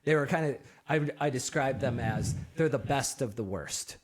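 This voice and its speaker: A man's voice: mid-range voice, moderate pace, slightly rough. A man hosting a casual sports podcast, rambling with lots of fillers and frequent laughter. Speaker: podcast host. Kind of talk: casual chat.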